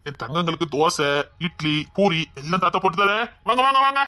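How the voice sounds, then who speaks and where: A woman's voice: lowish voice, very animated, fairly quick, very noisy. A woman voicing a doting, fussy old grandfather with a Tirunelveli Tamil accent, calling fondly to the grandchildren in a village comedy skit. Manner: calls out fondly, coaxing.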